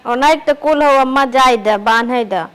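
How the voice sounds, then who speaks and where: A woman with an Awadhi accent acting a kind young daughter-in-law who gently reasons with her mother-in-law in a family comedy skit. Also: high-pitched, normal speed, clean tone, low-quality recording. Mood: coaxing. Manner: gently persuasive.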